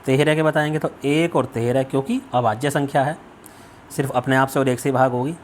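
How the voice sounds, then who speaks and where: A man's voice: mid-range voice, fairly even intonation, fairly quick, a little hiss or hum. A male maths teacher going through a worksheet step by step, asking questions and answering them himself. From India. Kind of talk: worksheet lesson.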